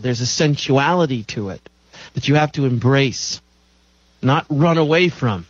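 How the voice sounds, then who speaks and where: A man's voice: mid-range voice, no echo, lo-fi sound. Emphatic male radio host lecturing. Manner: emphatic, lecturing, repeats phrases for stress. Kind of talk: call-in radio monologue.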